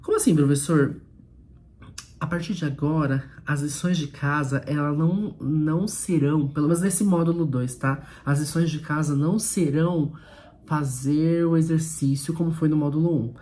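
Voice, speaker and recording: A man's voice: a little high, steady tone, normal speed, mellow. A man with a Brazilian Portuguese accent giving a casual online English lesson, chatty and informal, correcting himself as he goes and drilling questions in English. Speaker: English teacher.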